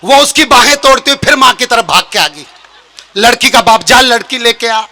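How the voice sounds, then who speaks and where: Guy with a really high bright voice doing comic poetry on stage, yelling the punchlines. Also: fairly quick, a little hiss or hum. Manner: animated storytelling, shouting punchlines. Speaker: comic poet. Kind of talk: stand-up poetry performance. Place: live stage show.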